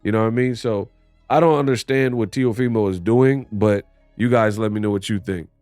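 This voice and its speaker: A man's voice: fairly low pitch, a little fast, a little mellow, no room sound. Man, boxing commentary host, blunt critical opinions, dry voice, faint background music.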